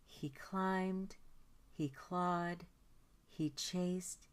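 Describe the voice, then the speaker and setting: As a storytime host, a woman with a low, clean-toned voice reads a picture book aloud to children. She reads expressively and deliberately, stretching out key words for emphasis the way a storyteller would.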